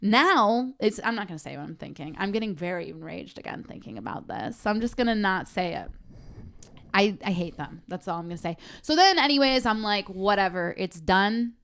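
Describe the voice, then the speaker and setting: A woman's voice: medium pitch, lively intonation, brisk, vocal fry, fairly bright tone. A young woman co-hosting a podcast, telling a story in a heated, profane, casual way. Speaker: podcast co-host. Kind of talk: casual chat.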